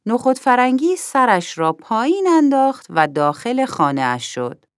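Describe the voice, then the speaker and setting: Woman telling a lively children's story. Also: fairly high pitch, clean tone, no echo, clean studio sound.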